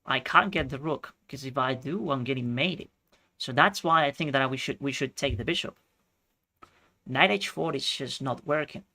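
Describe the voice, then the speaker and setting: Chilean guy streaming chess, talks thru every move to chat, bright tense voice. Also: mid-range voice, moderate pace. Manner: thinks aloud, calculating moves and chatting with viewers. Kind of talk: live-stream commentary.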